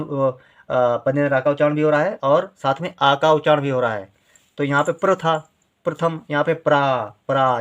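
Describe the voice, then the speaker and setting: A man teaching handwriting step by step, slow and patient, breaking words into syllables and repeating each one. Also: medium pitch. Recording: dull lo-fi sound.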